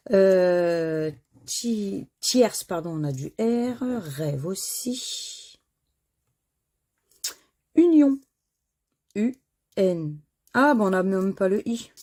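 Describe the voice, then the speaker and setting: Gravelly, husky woman slowly reading letters. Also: mid-range voice, dark tone. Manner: reads out words and letters one by one, sighs at misses. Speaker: scratch card vlogger. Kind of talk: casual commentary while scratching tickets.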